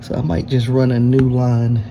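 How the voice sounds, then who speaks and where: A man's voice: mid-range voice, completely flat delivery, moderate pace, warm tone. A man giving casual, plain-spoken narration of his own car repair, explaining it step by step as he works. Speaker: DIY car repair vlogger. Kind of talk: casual hands-on narration to camera. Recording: noisy workshop with vehicle-like background noise.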